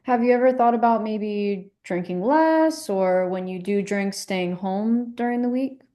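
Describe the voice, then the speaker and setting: A woman playing a calm, validating couples therapist in a counselling role-play, asking gently probing questions in a measured way. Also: medium pitch, close to an everyday voice. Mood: calm, reassuring.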